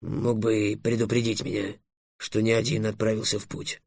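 A man voicing a big, bashful male dragon who speaks slowly in a low, muttering voice. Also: no echo, clean studio sound. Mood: grumbling.

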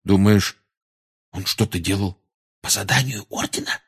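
A man reading aloud and voicing an eager, excitable teenage schoolboy wizard. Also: mid-range voice, normal speed, breathy edge, pitched above the performer's own voice.

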